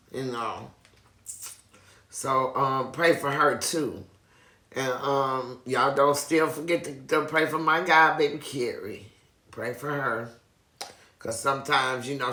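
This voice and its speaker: Slow-talking host, bright echoey voice. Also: medium pitch. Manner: effusive, repeats phrases. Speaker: mukbang video host. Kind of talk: casual chat to viewers. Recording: echoey room.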